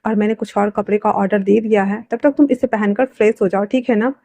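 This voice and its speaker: A woman's voice: mid-range voice, fairly even intonation, fairly quick, no room sound, close to an everyday voice. A woman doing a kind, caring young woman. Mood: gentle. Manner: gentle, reassuring.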